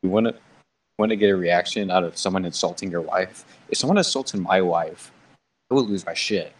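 A deep-voiced man riffs through improvised comedy banter in a goofy, rambling way, laughing often. He sits a little back from the mic, so his voice sounds distant. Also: moderate pace. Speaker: comedic interviewer.

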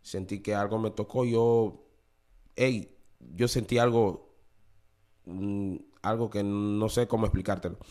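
A man's voice: on the low side, steady tone, measured pace, long pauses, a little mellow. A man giving an earnest, confessional podcast testimony, often repeating his phrases. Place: New Orleans.

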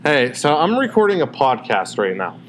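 A man's voice: mid-range voice, very animated, moderate pace, fairly bright tone. Guy hosting a podcast, rambling chat, mid voice, bit of background hiss. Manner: rambling, many likes and restarts. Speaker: podcast host.

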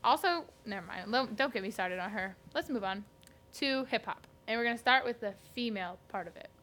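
Young woman podcast cohost, bright forceful voice, chatty and animated, says like a lot. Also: a little high, fairly quick. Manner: chatty, animated, frequent "like" fillers. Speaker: podcast co-host. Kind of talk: casual chat.

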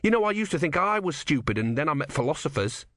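A man's voice: fairly high pitch, sing-song, fast talker, fairly bright tone, no room sound, clean studio sound, voice pushed up. A man voicing a disillusioned young male priest with a sardonic, bitter manner.

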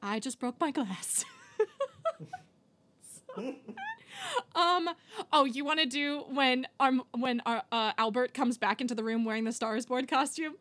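A woman with a slightly high voice co-hosts a relaxed podcast, gushing over favorite film scenes. She laughs often and talks with easy enthusiasm. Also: unhurried, long pauses. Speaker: podcast co-host. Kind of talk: casual chat about a film.

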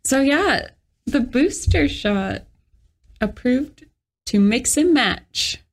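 A woman's voice: high-pitched, animated, very slow. A woman co-hosting a podcast in casual chat, giggling often between her remarks. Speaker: podcast co-host.

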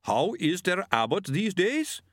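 Dude playing a polite big yeti, slow, mild, dry close sound. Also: male voice, sits high, sing-song, a bit bright, no room sound, voice pushed up, heavily acted. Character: huge calm male yeti, polite and mild.

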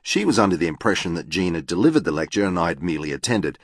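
Male audiobook narrator, very low voice, formal and deadpan first-person reading. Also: very fast, no room sound, clean studio sound.

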